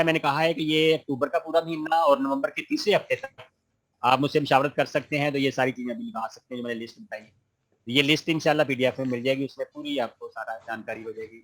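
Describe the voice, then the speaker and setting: With a fairly bright, mid-range voice, a man leads an online gardening class, voicing students' questions and answering patiently. He is friendly and encouraging and uses many religious expressions.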